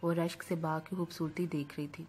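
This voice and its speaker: A woman reading a novel aloud as narrator, with a steady, even storytelling delivery. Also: low voice, a little hiss or hum.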